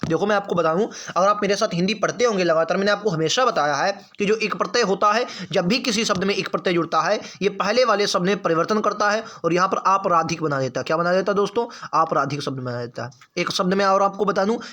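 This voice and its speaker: A man's voice: sits high, a bit bright. A man teaching an online exam-prep lesson. He talks in a chummy way, repeats each answer and keeps quizzing his students with rhetorical questions. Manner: chummy, calls viewers friends and brother.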